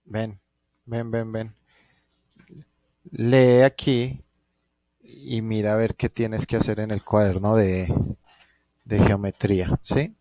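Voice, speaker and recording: A man's voice: fairly low pitch, flat delivery, slow, pauses often, no echo, lo-fi sound. A Colombian man teaching a physics class online from home, thinking aloud and often checking in with his students. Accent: Colombian Spanish. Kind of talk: live online class lecture.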